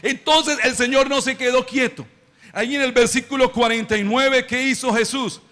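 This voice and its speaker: A male preacher giving an emphatic sermon, stretching words and rising to shouts. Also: extremely high pitch, fairly even intonation, normal speed. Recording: long hall reverb.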